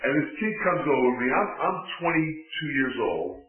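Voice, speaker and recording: A man telling a personal testimony in an animated, self-mocking way, often restarting his sentences. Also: a little high, moderate pace. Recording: distant, echoey, phone-like sound with faint music.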